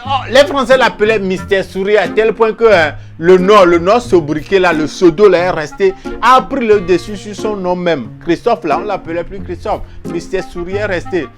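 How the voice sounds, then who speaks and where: A man telling a made-up history as a comic story, animated and repeating words for laughs. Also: high voice. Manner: animated, repeats words for comic effect, mimics local accents. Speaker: comedian telling a mock history.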